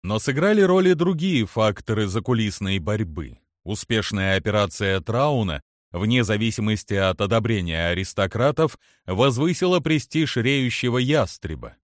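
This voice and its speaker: Male narrator, scripted audiobook reading, expressive, animated pitch, dry studio sound. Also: dry recording.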